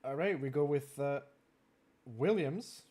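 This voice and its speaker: A man with a French Canadian accent hosting a racing league draft, chatty and quick to laugh, with plenty of fillers. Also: mid-range voice, a little mellow, slightly rough. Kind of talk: live-streamed draft commentary.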